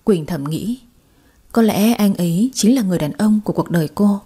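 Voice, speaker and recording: A woman giving scripted story narration in a soft, dramatic way. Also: medium pitch, lively intonation, moderate pace, slightly rough.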